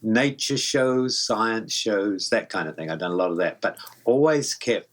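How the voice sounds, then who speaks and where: A man in his seventies with a New Zealand accent chats casually as a guest voice actor in an interview, rambling thoughtfully and restarting often. His voice sits on the low side and moves a little slowly, recorded on a home studio mic.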